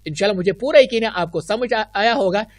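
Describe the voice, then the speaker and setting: A woman with a Kashmiri accent teaching an online Arabic lesson, drawing out each example word slowly and carefully. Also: medium pitch, no echo, clean studio sound. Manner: slow, careful, drawn-out example words.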